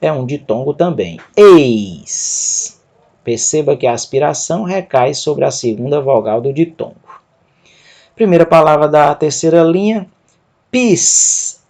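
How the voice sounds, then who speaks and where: A man teaching a Greek reading lesson, sounding out words slowly and repeating them syllable by syllable, with a Brazilian Portuguese accent. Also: on the high side, expressive, darkish tone. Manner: drawn-out, syllable-by-syllable pronunciation drills. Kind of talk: slow, careful reading lesson.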